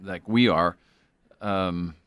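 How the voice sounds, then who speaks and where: A man's voice: low-pitched, extremely slow, fairly bright tone, clean tone, dry recording. A man hosting an interview on faith, talking earnestly and rambling with many fillers. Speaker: interview host.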